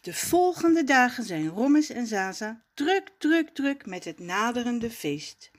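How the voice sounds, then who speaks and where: A woman reading a children's story aloud in a gentle, expressive storytelling manner. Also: fairly high pitch, slow. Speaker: storybook reader.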